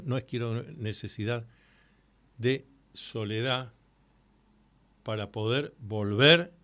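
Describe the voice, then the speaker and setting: A man hosting a live radio talk show, explaining ideas to listeners and repeating key points slowly. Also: medium pitch, no room sound. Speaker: radio host. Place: radio studio. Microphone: studio microphone.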